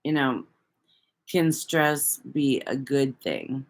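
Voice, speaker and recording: A woman with a bass voice talks slowly in a sing-song way. Hosting a casual livestream, she reads viewer chat and chats loosely with her audience, rambling and swearing freely.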